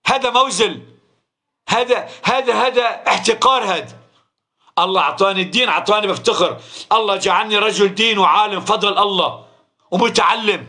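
A man preaching a Ramadan sermon in a Syrian Arabic accent, his voice pitched high and bright with a sharp ring. He drives his points home with rhetorical questions and acts out little exchanges between people. His delivery is emphatic and direct. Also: brisk.

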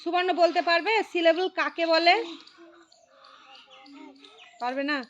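A woman teaching a room of young pupils in a very high, bright voice. She calls on each child by name, patiently repeats the key phrases and encourages every answer. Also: takes it slowly, highs cut off, a little hiss or hum. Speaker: primary school teacher. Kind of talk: classroom lesson.

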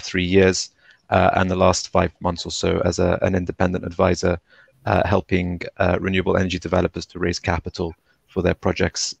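Deep gravelly British man on a headset. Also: no room sound. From London, UK. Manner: measured, many filler uhs. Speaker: guest, energy advisor. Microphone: headset on video call.

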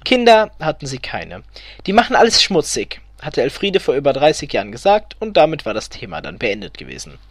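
Guy reading his short story out loud, pitch all over the place, dry close sound. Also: no room sound. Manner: expressive storytelling. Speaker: storyteller, author.

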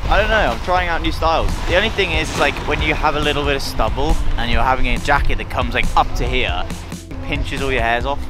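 A man's voice: medium pitch, fast talker. A young man in his twenties, a ski vlogger bantering and teasing a friend with plenty of swearing, outdoors on a ski lift, filmed at arm's length. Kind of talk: casual banter between friends. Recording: loud background music. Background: music.

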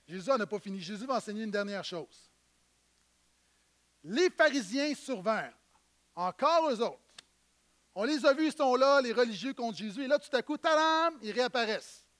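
A man preaching a sermon with a strikingly high voice. He talks to the congregation in a lively, conversational way and breaks off with quick asides. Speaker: pastor.

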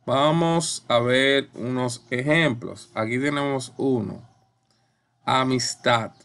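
A man teaching at a slow, unhurried pace. His voice has a gravelly edge, and he talks patiently, repeating key points and posing questions before answering them himself. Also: medium pitch, a bit bright. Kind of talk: slow classroom explanation.

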